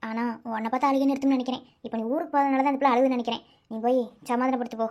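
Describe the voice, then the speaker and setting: A woman's voice: high-pitched, steady tone, racing, a little mellow, close to an everyday voice. A woman voicing a bossy, cheeky young village sister who mocks and orders her brother in Madurai Tamil for a cartoon. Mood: coaxing. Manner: bossy, mocking.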